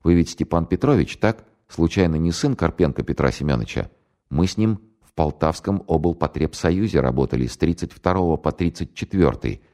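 A man's voice: deep voice, lively intonation, normal speed, warm tone. A man doing a polite, embarrassed caller. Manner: polite, apologetic. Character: polite, slightly embarrassed middle-aged man on the phone.

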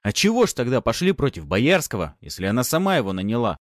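A man voicing a stern, gruff older steward in an audiobook, menacing toward those who cross him. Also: medium pitch, big pitch swings, fast, no room sound, clean studio sound, voice pushed up, natural voice. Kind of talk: audiobook character voice.

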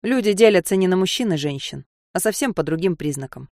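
A woman's voice: fairly low pitch, expressive, brisk, a little mellow, dry recording, studio quality. A woman voicing a harsh, cynical male voice in a heroine's head, speaking bluntly and with contempt. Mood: cutting.

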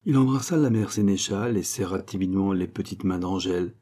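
A man narrating a classic novel as an audiobook, reading in a measured, even way. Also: low-pitched. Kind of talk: scripted literary narration.

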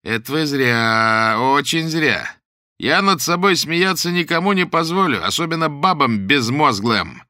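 A man doing a loud, taunting unhinged stalker. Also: on the high side, sing-song, dry recording, studio quality, voice pushed up. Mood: angry. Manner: loud, drawn-out, mock-sweet taunting.

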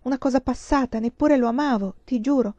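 A woman's voice: high-pitched, fairly quick, warm tone, no room sound, pitched above the performer's own voice, lightly acted. A woman voicing a frightened young woman who pleads in a broken voice. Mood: pleading.

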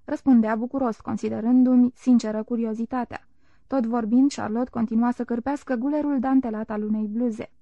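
A woman reading a literary novel aloud in a calm, measured narration. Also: a little high, dry recording. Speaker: audiobook reader. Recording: dull, dry, lo-fi recording.

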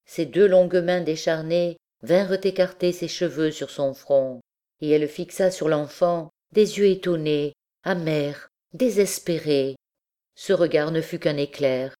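A woman reading a classic novel aloud as an audiobook narrator, calm and measured. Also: low voice. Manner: slow, calm literary reading. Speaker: audiobook reader. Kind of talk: scripted narration.

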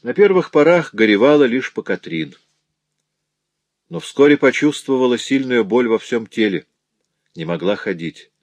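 A man's voice: mid-range voice, expressive, normal speed, long pauses, dry recording, voice pushed up, lightly acted. A man voicing a poor, grieving woman who tells of her husband's cruelty in a sorrowful, pleading way.

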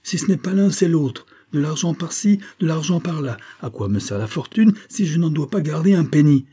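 A man's voice: fairly low pitch, fairly quick, husky. A man reading an audiobook voices a spoiled young nobleman who rants in fury. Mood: furious. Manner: ranting, shouting.

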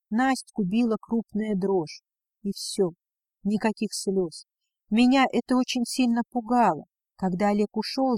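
A woman reading a first-person audiobook in a quiet, subdued way. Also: medium pitch, no echo. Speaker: audiobook narrator.

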